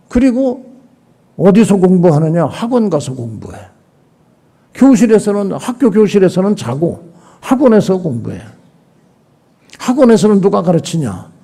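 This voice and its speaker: An older male pastor preaches with a gravelly, husky voice that rises and falls widely. He drives his points home with rhetorical questions and acts out little scenes. His tone is mellow and dark, a bit higher than most men. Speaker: senior pastor. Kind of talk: sermon.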